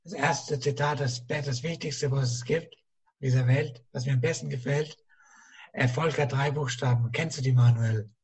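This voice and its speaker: Guy w a husky beat-up voice, halting, says stuff twice, pretty monotone. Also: medium pitch. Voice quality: rough, strained voice. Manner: halting, repeats himself. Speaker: interview guest. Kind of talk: casual interview talk.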